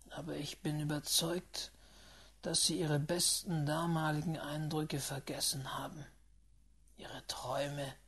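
A reader doing a grave, earnest Englishman, hushed near-whisper, breathy, slow and measured. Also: mid-range voice. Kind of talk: audiobook reading.

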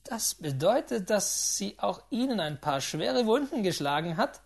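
A reader voicing a proud, agitated young gambler who speaks in raised, heated, rapid outbursts in an audiobook. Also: medium pitch, animated. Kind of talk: audiobook reading.

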